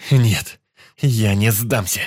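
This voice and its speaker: A man's voice: lowish voice, takes it slowly. A man voicing a despairing, guilt-ridden young male hero who cries out in anguish. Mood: anguished shouting. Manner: anguished shouting.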